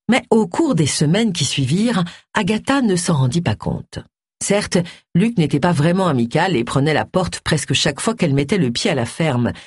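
An audiobook narrator giving an expressive reading of a novel on a close studio mic. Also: medium pitch, husky, dry recording.

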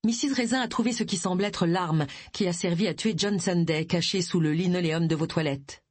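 A woman's voice: lowish voice, a little fast, no echo, close to an everyday voice. A woman voicing a curt male police detective who gives short, commanding orders. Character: brisk male police detective, calm authority.

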